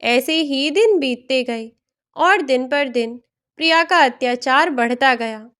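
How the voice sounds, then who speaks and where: A woman narrating a family moral story in a steady, plain storytelling manner. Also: high voice, takes it slowly.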